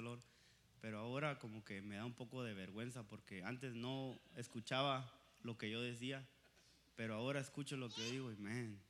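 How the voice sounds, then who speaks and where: A young man preaching a passionate sermon with personal testimony, moving between loud exhortation and quiet confession and slipping English words into his Spanish. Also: mid-range voice.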